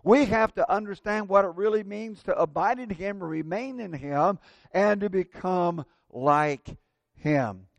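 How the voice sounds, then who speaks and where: Man preaching, pulpit microphone, earnest and measured, slightly raised pitch, dry sound. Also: creaky, no room sound. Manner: earnest, measured, slows down to stress key words. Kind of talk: sermon.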